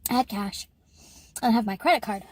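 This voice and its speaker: A woman's voice: on the high side, brisk, darkish tone. A woman chatting casually in an eating vlog, telling a story and giggling often as she talks. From Canada. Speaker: YouTuber.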